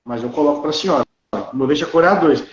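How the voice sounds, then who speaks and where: A man's voice: fairly high pitch, fast talker, roomy sound, lo-fi sound, slight background noise. A man in his thirties from Brazil, a dentist speaking bluntly and animatedly in casual conversation. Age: 30s.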